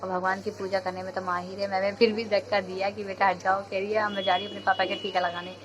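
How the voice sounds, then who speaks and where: A woman's voice: medium pitch, little pitch movement, fast talker, noisy background. A young woman, a mother, chattily narrating a home video of her daughter in casual voice-over.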